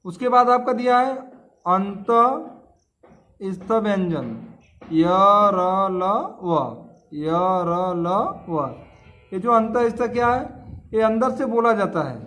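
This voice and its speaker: Male schoolteacher, high voice, drills terms, asks the class questions. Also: expressive, takes it slowly, a bit bright. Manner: repeats key terms, quizzes students with questions. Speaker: teacher. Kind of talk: classroom grammar lesson.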